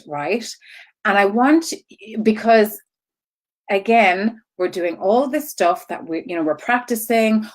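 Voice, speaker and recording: An online business coach with a medium-pitched voice speaks in an informal live-stream style, rambling onto tangents before circling back. She repeats herself and checks in with listeners along the way.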